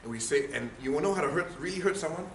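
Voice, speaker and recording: Racing along with lively intonation, a man with a fairly high voice delivers a workshop lecture as a speaking trainer. He's emphatic and keeps asking the room questions, recorded in an echoey space with faint noise.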